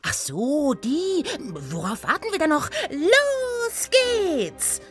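A woman's voice: sing-song, a little slow, fairly bright tone, faint music behind, exaggerated voice. Woman doing a bubbly tiny girl gnome. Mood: excited chatter. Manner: bubbly, high, bouncy chatter. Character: tiny excited girl gnome trainee, chatterbox.

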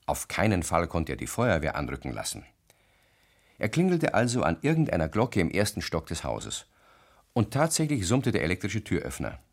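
A man narrating a children's radio play as a calm storyteller. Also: low voice, moderate pace. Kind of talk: scripted narration.

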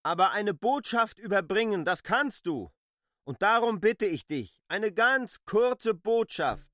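An insistent land surveyor. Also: male voice, sits high, expressive, takes it slowly, pushed and bright, no room sound, studio quality, heavily acted. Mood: pleading. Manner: insistent, exasperated, reproachful. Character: K., stubborn demanding adult land surveyor. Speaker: lead character in a radio play. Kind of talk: radio drama acting.

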